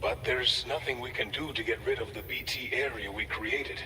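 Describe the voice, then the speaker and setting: An actor playing an earnest, grateful outpost staffer in a video game, speaking in a measured, formal way from a distance with reverb. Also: male voice, mid-range voice, bright, forceful tone. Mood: earnest, concerned. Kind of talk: scripted video game dialogue. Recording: distant, long reverb, faint noise.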